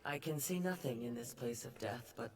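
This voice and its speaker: A proud, stately ghost navigator. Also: female voice, a bass voice, moderate pace. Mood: somber. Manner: stately, formal, aggrieved.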